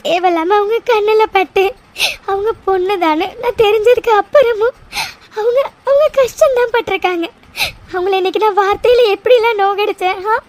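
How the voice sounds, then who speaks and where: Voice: very high voice, moderate pace. Someone doing a tearful, pleading young heroine. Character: young woman heroine, emotional and guilt-ridden. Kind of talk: cartoon voice acting.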